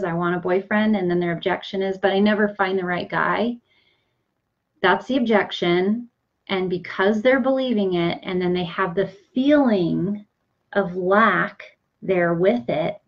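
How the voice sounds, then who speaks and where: Woman coach, mid-pitched, slow relaxed teaching talk full of fillers and restarts; muffled recording. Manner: unhurried, many fillers and restarts. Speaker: energy coach.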